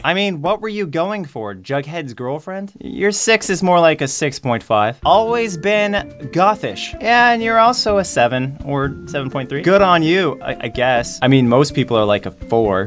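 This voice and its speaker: A young man talks straight to the camera in a casual, sarcastic vlog, mocking as he goes. His voice sits fairly high for a man. Faint music hums under him. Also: fairly bright tone. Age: young adult. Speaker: YouTuber.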